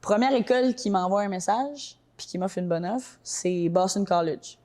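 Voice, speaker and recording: A woman's voice: medium pitch, a little mellow. A young woman from Quebec with a Québécois French accent, chatting casually in an interview with lots of fillers. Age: young adult. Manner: quick, colloquial, many fillers like "genre" and "tu sais". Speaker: interview guest, soccer player.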